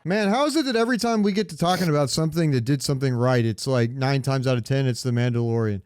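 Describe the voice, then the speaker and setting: A podcast co-host bantering casually about films and pop culture, this man talks fast in a mid-range, slightly mellow voice and swears freely. There's a little background noise.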